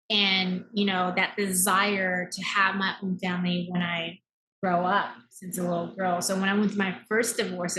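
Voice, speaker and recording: Raised in Taiwan after being born in America, this 39-year-old mindset coach earnestly recounts her own story as an interview guest, stressing points and asking "right?" rhetorically. Her medium-pitched voice sounds pushed and bright, and the audio is poor.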